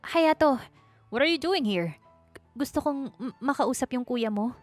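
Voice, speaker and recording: Picture an audiobook scene with a shy young heiress, voiced by a woman narrator, her tone soft and pleading. The voice sits a little higher than the narration and sounds dry and close. Faint music plays underneath. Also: lively intonation, a little slow, no echo. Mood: determined.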